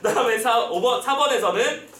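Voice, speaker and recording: A man's voice: very high-pitched, fairly quick, a bit bright, roomy sound, distant mic, a little hiss or hum. A man giving an exam prep lecture as a teacher, playful and full of rhetorical questions.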